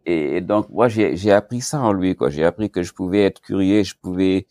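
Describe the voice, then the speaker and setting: A middle-aged man from Senegal, a chef, telling his story in a relaxed interview with frequent laughs and fillers. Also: low voice, normal speed, dry recording, clean studio sound. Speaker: chef, podcast guest.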